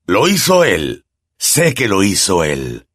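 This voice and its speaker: Low, slow, seething professor voiced by a male reader, dry audiobook read. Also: huge pitch swings, pushed and bright, husky, dry recording, heavily acted. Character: furious, bitter male professor, middle-aged.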